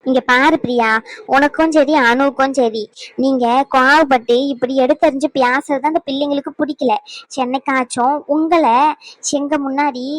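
A woman's voice: sits high, no echo, natural voice. A woman voicing a stern lecturing mother-in-law. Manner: lecturing, scolding. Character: stern middle-aged mother-in-law scolding family. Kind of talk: Tamil cartoon drama voice acting.

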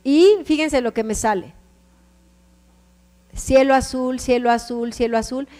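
Female instructor, Mexican accent, high-pitched, patient step-by-step classroom delivery, reverberant room. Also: measured pace, warm tone. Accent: Mexican Spanish. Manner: explains step by step, checks in with the class often. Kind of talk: classroom teaching.

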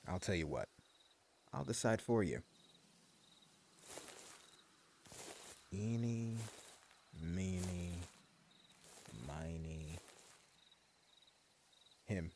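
A man voices a smug, cruel wasteland gang leader in an audio roleplay, his deep, gravelly drawl taunting captives with false friendliness. Crickets and nighttime ambience murmur faintly in the background.

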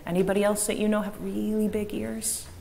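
A woman giving a children's message in a church service, asking the kids lively questions and echoing back their answers. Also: medium pitch, a little fast, creaky. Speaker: director of faith formation giving a children's message. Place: church sanctuary with a choir. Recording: long church reverb, faint room noise.

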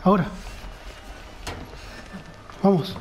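A gamer with a Rioplatense Spanish accent mutters nervously and fearfully to himself while narrating a horror game let's play. His voice is extremely slow and a little mellow. The audio is poor, with a slight hiss or hum.

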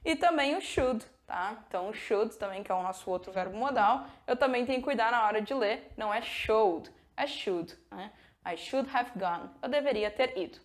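A woman with a Brazilian Portuguese accent teaches English pronunciation in a friendly, step-by-step video lesson. Her voice sits a little high. She slows down to model each English phrase clearly for her students.

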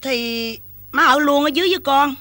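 A woman's voice: high-pitched, fairly quick, sharp tone. A woman playing a weary young mother. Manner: weary, soothing. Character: sad estranged young mother.

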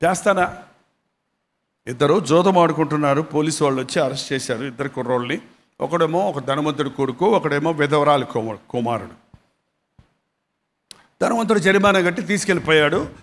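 Male pastor, high voice, dramatic emotional preaching, long hall echo. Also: expressive, fairly quick. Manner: dramatic, emotional preaching with big swings in loudness. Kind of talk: sermon with storytelling.

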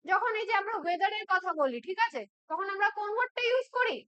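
A woman from West Bengal teaching spoken English in a classroom-style lesson. She keeps checking in with her listeners and says English examples slowly and deliberately. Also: very high-pitched, lively intonation, bright, forceful tone, lo-fi sound.

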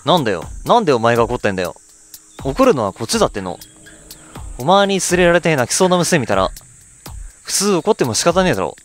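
A man voicing a rough, hot-tempered village father, speaking bluntly while reading game dialogue. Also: fairly high pitch, big pitch swings, quick pace, pauses often, soft background music. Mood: angry.

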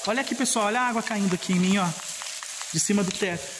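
Brazilian explorer vlogger, echoing tunnel voice, fairly high-pitched, chatty with viewers, handheld camera. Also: male voice, fast talker, background noise. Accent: Brazilian Portuguese. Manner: chatty, repeats himself, calls viewers "pessoal". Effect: echo of a long dark rock tunnel. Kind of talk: casual walk-through commentary to viewers. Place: inside an old railway tunnel with dripping water. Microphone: handheld camera, front camera at times.

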